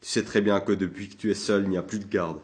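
A man's voice: low-pitched, steady tone, fast, darkish tone, close to an everyday voice. A man voicing a timid, worried village barber who complains anxiously, in a storybook reading.

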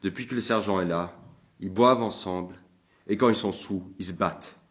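A man's voice: sits low, normal speed, natural voice. A man voicing a timid, worried village barber who complains anxiously, in a storybook reading.

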